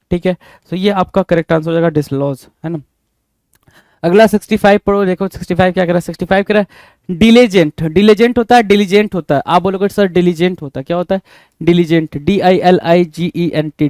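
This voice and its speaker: A male teacher runs an exam-prep spelling lesson with a somewhat high voice. He repeats every word and spells it out letter by letter in a friendly, drilling way. The sound is dry and close, with no room echo. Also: darkish tone. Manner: repeats words and spells them out letter by letter, addresses viewers as "bhai". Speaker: English teacher.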